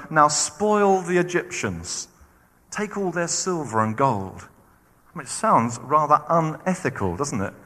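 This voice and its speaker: A man's voice: on the high side, big-room sound. A man preaching a sermon, acting out quoted voices as he goes. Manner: animated, acts out quoted voices.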